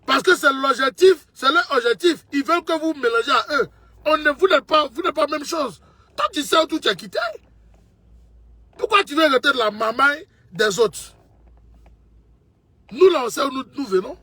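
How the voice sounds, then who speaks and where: Animated and sharp-toned, this man from Côte d'Ivoire speaks at an extremely high pitch and a moderate pace, leaving long pauses. In a dry recording, the political commentator pours out a passionate monologue, hammering home his points repeatedly and calling the listener his brother.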